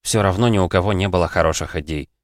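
Brief: male audiobook narrator, low voice, dry close mic, measured storytelling. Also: no echo. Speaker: audiobook reader. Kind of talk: scripted first-person narration.

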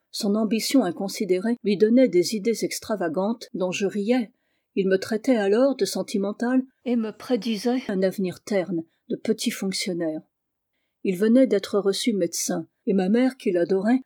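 A reader voicing a timid, gentle young man who speaks earnestly and gravely, in an audiobook reading. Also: mid-range voice, dry recording, studio quality, lightly acted.

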